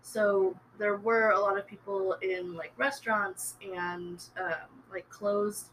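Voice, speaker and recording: A young woman with a mid-pitched voice, working through an explanation on a casual podcast. She hesitates often and leans on ums and likes. A faint room noise hangs behind her. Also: fairly even intonation, takes it slowly, fairly bright tone, low-quality recording. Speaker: podcast co-host. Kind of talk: casual chat.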